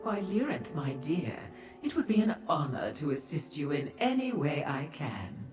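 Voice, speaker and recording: An actress playing a flirtatious, theatrical madam of a pleasure house in a fantasy video game, gushing coyly with drawn-out endearments. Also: female voice, deep voice, sing-song. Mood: coy, effusive. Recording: roomy echo with music behind.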